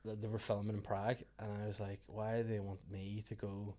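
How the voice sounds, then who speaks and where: The man, from Northern Ireland and with the accent to match, is a podcast host, comedian and actor running a loose comedy chat full of banter, rambling and acted quotes. His fairly low, warm voice comes fairly quick with a completely flat delivery.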